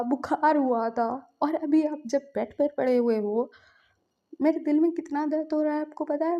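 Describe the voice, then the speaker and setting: A woman's voice: high-pitched, mellow. A woman voicing a distraught young man who pleads tearfully and repeats himself at a sickbed. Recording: dull lo-fi recording.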